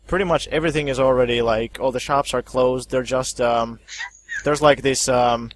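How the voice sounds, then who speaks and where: A man runs a tabletop horror game in loose, halting narration, full of ums and likes. His voice sits at a middle pitch, with a faint hiss underneath. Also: steady tone. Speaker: game master.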